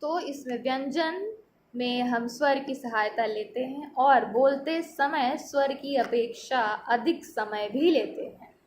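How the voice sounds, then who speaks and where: A woman with a high voice teaches a school grammar lesson at an unhurried pace, drawing out each sound so pupils can hear it. She keeps checking in with the class as she goes. A faint hum of ambience sits behind her. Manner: slow, explanatory, drawing out sounds to demonstrate; checks in with "ठीक है" often.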